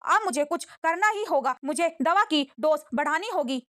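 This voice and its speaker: A scheming noblewoman, bitter and vengeful, muttering her plans in a high voice, as a woman narrator puts her on. Close, dry sound. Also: animated, moderate pace, a bit bright, no room sound.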